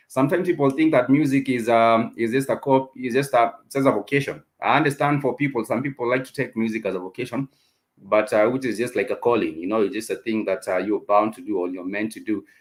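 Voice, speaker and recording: Low-voiced Kenyan man hosting a show. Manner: halting, with very frequent ums and repeated phrases. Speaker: radio show host. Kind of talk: unscripted music talk show commentary.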